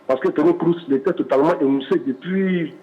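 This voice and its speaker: A man's voice: on the high side, brisk, muffled recording. A man phoning in to a sports show and giving his football opinion emphatically, with rhetorical questions. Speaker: caller.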